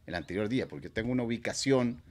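A man casually telling a personal story on a stream, acting out the dialogue with lively voices. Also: lowish voice, fast. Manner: animated, acts out dialogue with voices.

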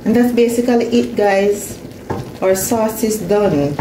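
A woman who hosts a cooking channel narrates casually to viewers as she cooks in her home kitchen, often repeating phrases. Her mid-range voice moves at a measured pace against a noisy background, with echo and the sizzle of frying.

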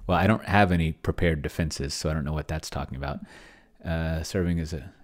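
Extremely low-pitched and brisk, this middle-aged man offers casual screencast commentary on his solo tabletop roleplaying with a chatbot. He rambles and muses as he reads along in a small cluttered indoor room, and the recording is very noisy.

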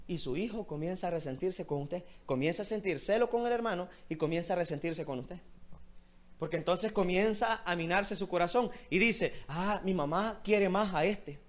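High-pitched impassioned male preacher. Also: a bit bright. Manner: impassioned preaching, repeated direct address to listeners. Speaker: pastor. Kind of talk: sermon.

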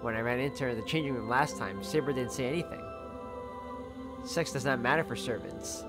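Medium-pitched man narrating a story. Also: fairly quick, over loud music. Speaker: reader of a visual novel playthrough. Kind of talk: first-person story narration read aloud.

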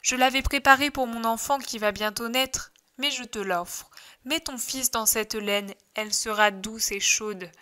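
Woman reading as a shepherd, male, humble, generous, soft-spoken, bright. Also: very high-pitched, measured pace, clear, resonant tone, heavily acted.

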